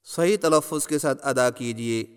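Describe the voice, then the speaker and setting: A man teaching recitation, slowly chanting each syllable and word for the learner to repeat, with quick spoken instructions between the drills. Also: medium pitch, clean tone, big-room sound.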